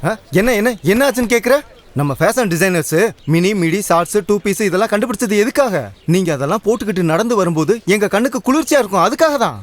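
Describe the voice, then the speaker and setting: A man's voice: high-pitched, expressive, quick pace. An actor voicing a young male college troublemaker, mocking and swaggering. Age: young adult. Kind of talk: dubbed film acting.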